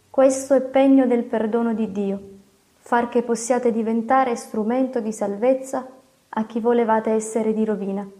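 A woman reading a calm, solemn old cardinal. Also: a little high, lightly acted. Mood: urgent. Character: solemn, gentle elderly male cardinal.

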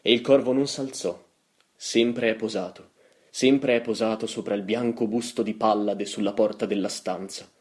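Man, low voice, solemn brooding poetry reading, soft trailing line ends. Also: fairly even intonation, normal speed. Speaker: reader.

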